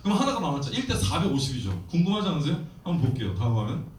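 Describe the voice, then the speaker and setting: A man in his thirties, a missionary preacher telling his story in a sermon, acting out quotes with lively energy. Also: fairly high pitch, rapid-fire. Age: 30s. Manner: animated storytelling with acted quotes. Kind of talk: sermon testimony. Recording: echoey hall, distant mic, faint noise.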